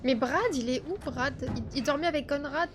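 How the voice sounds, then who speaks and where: High-voiced woman streaming a game. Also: normal speed, background noise. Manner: chatty, informal, mutters asides. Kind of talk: casual gameplay commentary, reacting to a story game.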